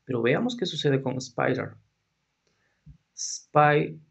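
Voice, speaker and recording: A man's voice: mid-range voice, expressive, moderate pace, a little mellow. A man teaching English in Spanish, explaining step by step and asking rhetorical questions as he goes. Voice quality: very husky and gravelly. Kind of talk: explaining a grammar lesson.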